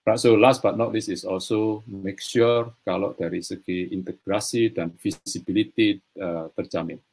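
A man's voice: deep voice, steady tone, a little slow, a little mellow. A middle-aged man giving a virtual conference keynote over a webcam from a small room, hesitant, with frequent "right, so" fillers. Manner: peppers talk with "right, so"; hesitant, many restarts and "eh". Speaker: keynote speaker. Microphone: video call webcam.

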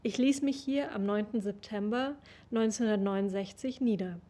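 A young woman giving a slow, measured literary reading, recorded over a webcam in a room at home. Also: medium pitch, dark tone. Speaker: reader of literary texts.

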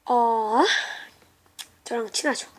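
Halting, high-voiced woman, slow and unscripted. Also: steady tone, a little mellow. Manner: halting, apologetic, often muttering to self. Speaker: amateur video maker nominating people for a challenge. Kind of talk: casual, unscripted vlog talk.

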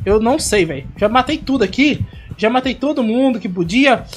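Woman, gameplay commentary, very animated, excitable, teasing. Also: a little high, a little fast, faint music behind. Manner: excitable, teasing opponents, repeats phrases. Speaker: gaming channel host.

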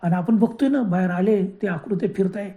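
A man voicing a frightened young man who urges his friends to stay quiet, in urgent warnings. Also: high-pitched, fairly quick, phone-quality sound, close to an everyday voice. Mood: tense.

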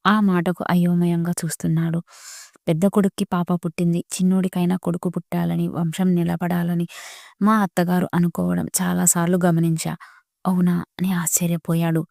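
A woman reading a romantic story aloud as narrator, speaking all the characters' lines in a steady, even reading voice. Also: on the low side, vocal fry, dry recording, studio quality.

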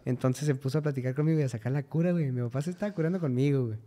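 A man's voice: medium pitch, very fast, a crowd in the background. A young man with a Mexican accent, a guest talking casually and crudely, full of slang fillers. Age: young adult. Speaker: guest musician. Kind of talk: casual interview chat.

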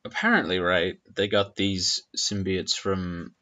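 A man co-hosting a casual film review chat, joking and acting out scenes in quick impressions. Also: sits low, fairly even intonation, pushed and bright.

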